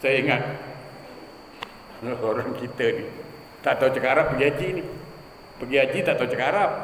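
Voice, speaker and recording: A man's voice: mid-range voice, a little hiss or hum. A man preaching a humorous sermon in a mosque, telling stories and acting out the people in them. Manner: storytelling, acting out quoted voices. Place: mosque hall. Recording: echoey mosque hall, faint ambience.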